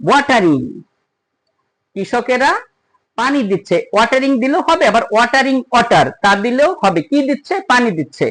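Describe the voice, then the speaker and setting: A teacher giving a spoken grammar lesson. The teacher explains step by step, asks the listener questions, and slows down on the example sentences. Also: medium pitch, fairly bright tone, poor audio. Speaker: English teacher.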